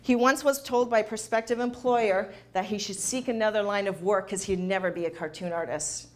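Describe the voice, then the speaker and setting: A woman's voice: medium pitch, a little fast. A woman giving a motivational talk to a live audience, emphatic and repeating key phrases for effect. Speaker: motivational speaker. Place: event hall.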